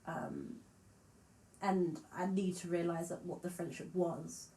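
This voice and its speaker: A woman's voice: fairly low pitch, slow pace, dark tone, roomy sound, rough recording. A woman musician with a slight lisp, chatting casually to camera in a frank, self-deprecating way and swearing freely. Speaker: musician vlogger.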